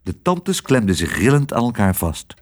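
Expressive man reading a storybook. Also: fairly low pitch, normal speed. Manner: expressive, switching voices freely. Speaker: narrator.

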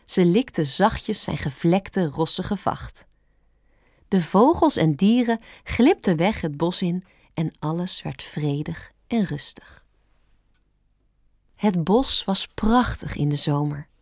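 A woman narrates a children's storybook at an unhurried, slow pace. Her reading is calm, gentle and expressive. The voice sounds dry and close, with no room around it. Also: on the low side, no echo.

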